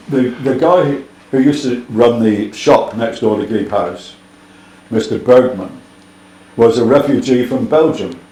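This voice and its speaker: A man's voice: mid-range voice, dark tone. An older man, chatting casually and reminiscing. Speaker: local villager being interviewed. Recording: echoey room, faint background noise.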